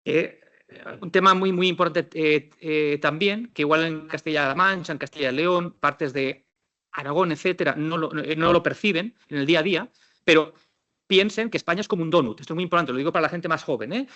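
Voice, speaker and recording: A middle-aged man from Spain giving a lively, ironic conference talk on housing law, acting out quoted dialogues. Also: a little high, brisk, highs cut off.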